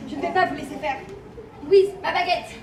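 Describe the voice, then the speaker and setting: Woman playing a very high-pitched theatrical heroine. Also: fairly even intonation, a little fast. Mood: defiant. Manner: theatrical, exclamatory. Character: dramatic, earnest heroine rallying children to save Jules. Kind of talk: live children's Christmas stage play. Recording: distant echoey hall, loud music and audience.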